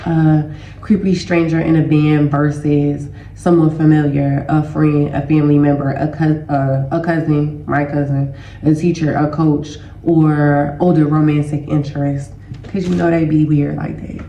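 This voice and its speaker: With a low-pitched, warm voice, little pitch movement, and a measured pace, a congested, sore-throated woman talks casually to viewers as a healing educator and host. She's loose and conversational, calling them "y'all." The sound is lo-fi, with a roomy echo and slight background noise.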